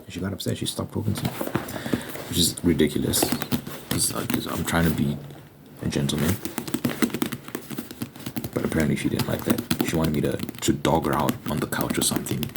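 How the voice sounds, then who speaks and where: Very low-voiced man in an emphatic monologue. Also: fairly even intonation, fairly quick, creaky, heavy background noise. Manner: emphatic, repeats phrases for stress. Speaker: video host. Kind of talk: casual opinionated monologue.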